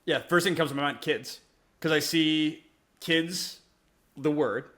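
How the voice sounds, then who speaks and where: A man hosting a casual podcast, with a fairly high, bright and forceful voice. He talks loosely and thinks aloud, hedging as he goes. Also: steady tone, a little slow. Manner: loose, hedging speech full of "like". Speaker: podcast host.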